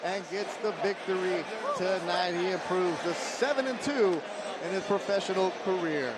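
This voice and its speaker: A man's voice: high voice, normal speed. A man calling a mixed martial arts fight live as play-by-play commentator. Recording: noisy live arena with loud crowd. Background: crowd and event ambience.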